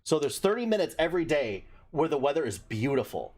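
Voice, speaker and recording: Lively-voiced young man, blunt and profane. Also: a little high, a little fast. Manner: blunt, profane, animated storytelling. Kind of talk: casual chat.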